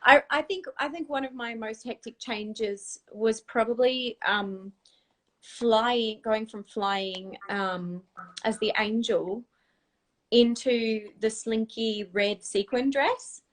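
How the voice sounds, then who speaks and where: Woman, livestream host, casual chat, laughs often, slightly high voice. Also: steady tone, slow pace. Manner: warm chatty storytelling with laughter.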